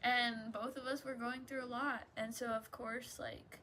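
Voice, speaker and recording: A woman's voice: on the high side, flat delivery, unhurried, bright, forceful tone, slight background noise. A young adult woman chatting casually and rambling in a laid-back stoner drawl, trailing off and prone to giggles. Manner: giggly, often breaking into laughter. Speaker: vlogger. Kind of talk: casual rambling solo chat.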